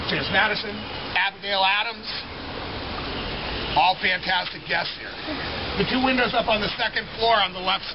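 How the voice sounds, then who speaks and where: A man working as a ghost tour guide, telling stories theatrically outdoors and addressing his listeners in a dramatic, folksy way. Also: high voice. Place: outdoors on a town street. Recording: dull lo-fi outdoor recording, loud traffic noise.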